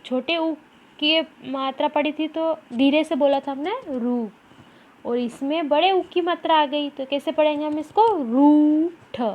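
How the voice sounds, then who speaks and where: Slow high-voiced woman teaching children to read. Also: muffled recording. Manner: drawn-out syllables, repeating words aloud for children. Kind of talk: children's Hindi reading lesson.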